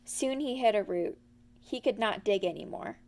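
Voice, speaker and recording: Reading a children's story out loud, a woman with a mid-range voice speaks at a normal pace as an expressive storyteller.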